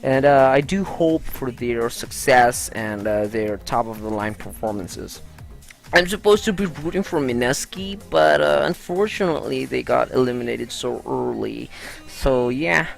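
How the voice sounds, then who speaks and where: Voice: medium pitch, animated, a little slow, creaky, soft background music. A gaming vlogger from the Philippines, chatting casually and upbeat through gaming news with frequent "uh" fillers.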